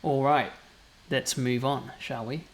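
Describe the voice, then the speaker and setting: A man's voice: medium pitch, steady tone, takes it slowly. A man developing a game, casually walking through new features and often tagging "right?" onto his points. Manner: chatty, explaining, tags questions with "right?". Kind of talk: casual gameplay walkthrough.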